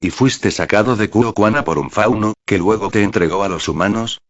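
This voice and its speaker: A man's voice: normal speed, natural voice. A man reading as a kind, patient young officer. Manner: low and calm. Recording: dull, dry lo-fi recording.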